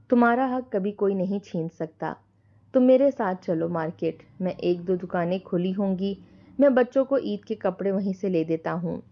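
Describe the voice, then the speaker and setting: A woman's voice: on the low side, lo-fi sound, close to an everyday voice. A woman voicing a stern, protective adult brother who speaks harshly. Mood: tender. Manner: harsh, scolding.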